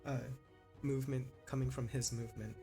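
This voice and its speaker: A man narrating and ruling as game master of a tabletop game, in a relaxed, easygoing manner. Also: mid-range voice, a little fast, gravelly, music in the background.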